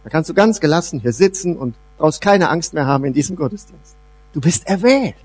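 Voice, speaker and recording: Animated preacher, high lively voice. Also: male voice, brisk, slightly rough. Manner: animated preaching, swings between loud emphasis and soft low asides. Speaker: pastor. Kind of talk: sermon.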